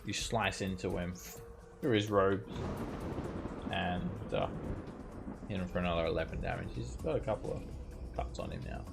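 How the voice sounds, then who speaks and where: Low, gravelly man running a tabletop game. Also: steady tone, normal speed, pauses often. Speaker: game master. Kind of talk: narrating a tabletop fantasy game, casual. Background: music.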